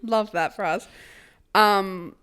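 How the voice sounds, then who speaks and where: This is a young woman with an Australian accent, co-hosting a laid-back podcast. She talks in an ordinary mid-range voice and tells everyday stories with lively acted-out quotes. She swears freely between the asides. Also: mid-range voice, slow pace, smooth. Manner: animated storytelling, acts out her own quotes, swears freely. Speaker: podcast co-host. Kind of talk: casual chat.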